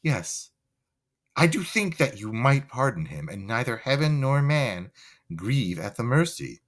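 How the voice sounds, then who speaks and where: A man's voice: mid-range voice, big pitch swings, measured pace. A man reading the lines of a young woman who pleads for her brother, in an earnest, impassioned way. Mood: pleading. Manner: earnest, pleading, rising and falling.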